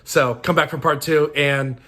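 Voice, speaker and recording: A man's voice: fairly high pitch, fairly even intonation, moderate pace, fairly bright tone. A man vlogging while sorting coins, talking to his viewers and stammering and repeating words in amazement. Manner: addresses viewers directly. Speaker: coin roll hunting vlogger.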